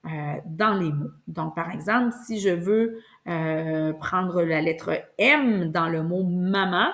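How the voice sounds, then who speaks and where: A woman's voice: lowish voice, slow, a bit bright. A woman preschool teacher, patiently explaining to parents and stretching out sounds in words to demonstrate them. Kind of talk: instructional video for parents.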